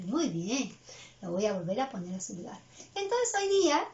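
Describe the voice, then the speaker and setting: A woman teaching an online class for small children, patient and coaxing. Her voice is high and lively, rising and falling in a sing-song way, and the recording sounds dull and lo-fi. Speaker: preschool English teacher.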